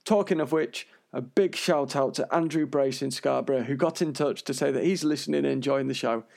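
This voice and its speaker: A man's voice: medium pitch, brisk, creaky, a little mellow. An unwell British man hosting a podcast in a chatty, earnest monologue, his breathing audibly wheezy. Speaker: podcast host.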